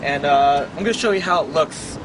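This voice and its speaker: A man's voice: a little high, fairly quick, loud music behind the voice, low-quality recording. A man hosting a prank video, explaining his setup casually to the camera. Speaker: prank show host.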